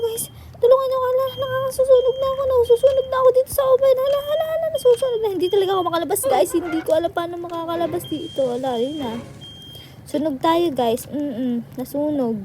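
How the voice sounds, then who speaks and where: A woman's voice: sits high, mellow, slight background noise. A woman giving chatty commentary on a video game, calling out to her viewers and exclaiming often. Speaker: gaming vlogger. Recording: music playing behind the voice.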